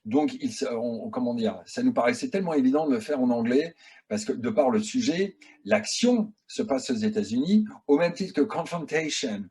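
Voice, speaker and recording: A man talking as the guest of an interview, telling stories in a chatty, animated way. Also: mid-range voice, normal speed, breathy edge. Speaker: guest filmmaker. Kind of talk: casual interview answers.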